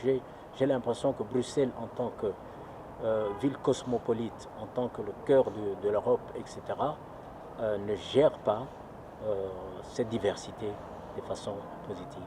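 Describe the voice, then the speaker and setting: A man's voice: fairly low pitch, steady tone, moderate pace. A man from Congo giving a documentary interview, grave and emphatic, repeating phrases for effect. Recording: clear street noise behind.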